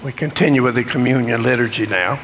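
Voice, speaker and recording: A man leading a sermon and communion liturgy as pastor, with a slow, measured delivery, his voice carrying a cathedral echo in a church sanctuary. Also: mid-range voice, steady tone, fairly bright tone, slight background noise. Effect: cathedral echo, long church reverb. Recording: long echoing church reverb.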